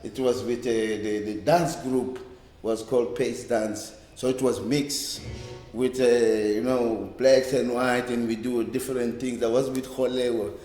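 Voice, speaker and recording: A man in his fifties from a Cape Town township in South Africa, a reggae bass player, speaks in a medium-pitched, steady, dark voice with soft music in the background. He halts, repeats words and rambles during a casual oral-history interview in a roomy, echoey library room.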